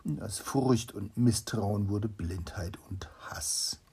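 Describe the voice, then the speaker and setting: A man reading a fairy tale aloud to a child, with a gravelly, husky voice. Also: fairly low pitch, slow, warm tone. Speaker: storyteller.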